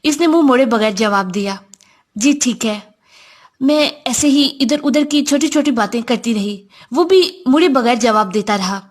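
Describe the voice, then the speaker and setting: A woman's voice: fairly high pitch, animated. A woman reading a first-person story aloud in a reflective, confiding manner.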